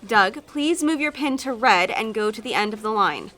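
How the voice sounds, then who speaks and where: A woman reading the part of a kind, patient schoolteacher in a comedy table read, gentle and encouraging. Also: fairly high pitch, lively intonation, moderate pace. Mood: firm.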